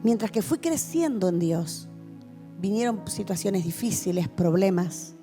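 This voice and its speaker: Faint music plays behind a woman pastor whose warm, mid-range voice is expressive and unhurried. With a Rioplatense Spanish accent, she shares a passionate testimony sermon with young people in a church hall, narrating vividly.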